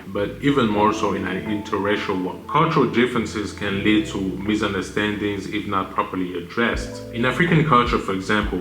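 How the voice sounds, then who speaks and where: A man in his thirties from Cameroon, giving measured list-style advice to his channel audience with the odd filler. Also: on the low side. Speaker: channel host. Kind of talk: scripted commentary to camera. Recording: roomy echo with music bed.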